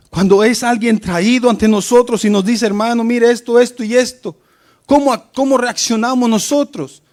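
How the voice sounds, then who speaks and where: A man's voice: high voice, a little mellow. A man preaching a sermon to his congregation, rising and falling for emphasis and often calling out to his listeners as brothers.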